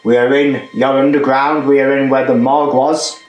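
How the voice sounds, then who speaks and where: An echoey recording of a man in his thirties exploring empty rooms at night as a paranormal investigator. He has a medium-pitched voice and puts questions to spirits, with music underneath. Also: flat delivery, moderate pace, muffled recording. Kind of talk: ghost-hunting vlog, questioning spirits aloud.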